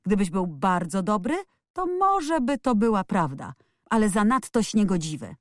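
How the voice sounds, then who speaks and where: A woman voicing a stubborn, angry young girl who shouts back defiantly in a storybook reading. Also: mid-range voice, big pitch swings, moderate pace, no echo, studio quality, pitched above the performer's own voice, close to an everyday voice. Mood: furious, defiant.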